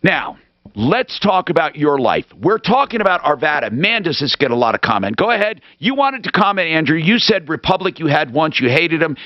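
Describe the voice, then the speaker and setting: A radio talk show host with a fairly high-pitched voice speaks off the cuff on a call-in show, emphatic and brusque, cutting in on callers. The audio is dry and dull.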